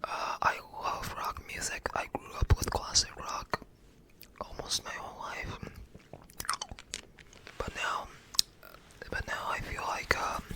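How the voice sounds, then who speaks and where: An ASMR creator speaks entirely in a breathy, bright whisper. The delivery is slow and hesitant, a casual, self-effacing ramble that keeps pausing to search for the right word. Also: poor audio. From United States.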